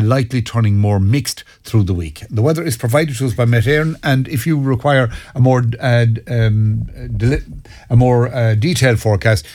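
Irish radio presenter, dry close sound. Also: male voice, medium pitch, darkish tone, no room sound. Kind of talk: reading weather and radio links. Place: radio studio.

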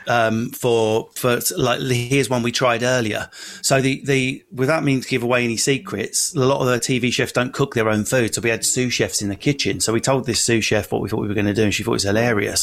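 A man's voice: mid-range voice, gravelly, a bit bright, slight background noise. A man with a North London Essex accent tells comic stories in a chatty, sweary, self-deprecating way. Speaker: stand-up comedian and TV personality, guest. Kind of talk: casual comic storytelling.

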